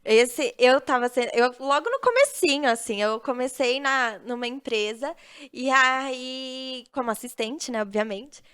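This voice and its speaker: Uma apresentadora de videocast de beleza contando histórias de forma animada, rindo com frequência. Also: female voice, sits high, measured pace, clear, resonant tone. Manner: animated storyteller, laughs often. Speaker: podcast co-host. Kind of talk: casual podcast chat.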